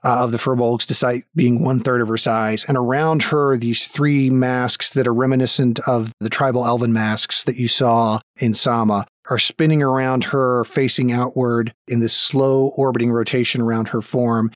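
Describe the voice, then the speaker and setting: A man's voice: medium pitch, steady tone, moderate pace, hardly any pauses, dry recording. Male game master, close dry sound. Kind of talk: tabletop game narration, descriptive and improvised.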